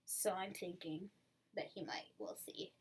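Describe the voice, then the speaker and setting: A woman's voice: on the low side, big pitch swings, measured pace, husky. A woman talking casually to the camera as a first-time mom in a home vlog, chatty and rambling, often breaking into laughs.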